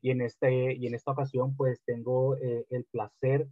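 A man's voice: medium pitch, normal speed, no room sound. Man hosting over a tinny line. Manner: relaxed, hesitant with frequent fillers. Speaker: podcast host. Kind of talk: casual interview chat. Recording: dry, tinny phone-like line.

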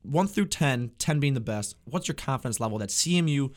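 A man's voice: mid-range voice, animated, a little fast. A young man, a student reporter, hosting casual sports talk, often repeating words and restarting as he works through his thoughts. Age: young adult.

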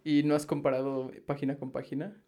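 Low-voiced Mexican woman asking questions. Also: little pitch movement, fairly quick, mellow. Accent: Mexican Spanish. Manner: asks questions, short backchannel replies, teasing. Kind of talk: casual chat.

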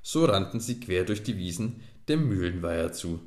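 Male storybook narrator, low voice, roomy echo, lively read. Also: normal speed. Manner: lively, expressive reading. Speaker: audiobook narrator. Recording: echoey room.

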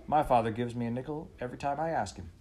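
A man's voice: mid-range voice, sing-song, moderate pace, warm tone, a little hiss or hum, natural voice. A man voicing a boastful, jeering boy cousin in a storybook reading. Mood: taunting. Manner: taunting, jeering.

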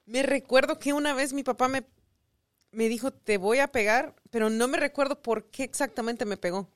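Woman from Mexico, casual podcast chat, rambling and self-correcting, fairly high voice. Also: fairly quick. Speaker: podcast co-host.

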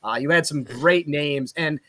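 Bright-voiced man telling lively stories. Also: a little high, unhurried. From Utica, New York. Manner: lively anecdotes, laughs at his own stories. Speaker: guest, college sports play-by-play broadcaster. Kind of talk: casual podcast storytelling.

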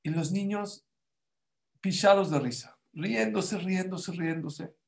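Animated man teaching children. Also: high-pitched, takes it slowly, creaky. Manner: animated, repeats words, speaks directly to the children. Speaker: religious teacher. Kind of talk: lesson and storytelling for children.

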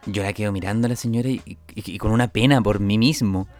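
Energetic Chilean man telling comic stories. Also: lowish voice, fast, faint music behind. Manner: rambling, energetic, with sound effects and stammered restarts. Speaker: comedian host. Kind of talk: comic storytelling.

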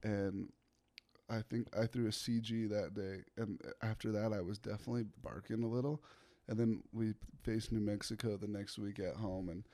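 A young man speaks with a slightly low voice. He tells his story in a relaxed way, with plenty of casual fillers. He laughs often as he talks. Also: moderate pace. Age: young adult. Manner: laid-back, laughs often, filler-heavy. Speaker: guest, pitcher.

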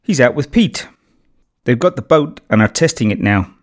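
A man voicing a practical, gentle mother talking to her daughter. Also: mid-range voice, animated, normal speed, close to an everyday voice. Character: warm, practical mother at home.

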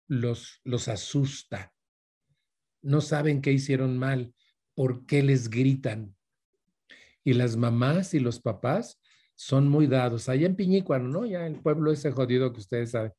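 A man's voice: mid-range voice, warm tone, husky. A man with a Mexican Spanish accent gives a conversational talk to a live audience, speaking straight to his listeners and weaving in stories from his own life. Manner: addresses listeners directly, mixes in personal stories. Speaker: speaker giving a talk on parenting.

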